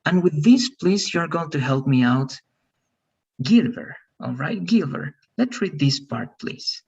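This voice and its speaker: A man's voice: fairly high pitch, animated, takes it slowly, gravelly, darkish tone, husky, recorded from a distance, dull audio. A man teaching an English pronunciation lesson, patient and encouraging, mixing Spanish explanations with English examples.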